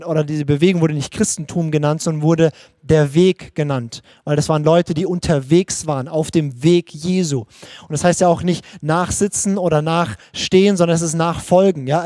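A man's voice: a little high, darkish tone, no echo, studio quality. A man preaching a livestreamed sermon in a personal, searching way, often restarting his sentences. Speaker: pastor.

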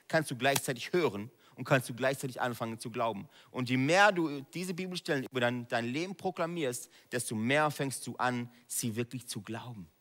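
A man preaching a sermon, proclaiming Bible verses emphatically and shifting between loud exhortation and quiet, close asides. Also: medium pitch, long reverb tail.

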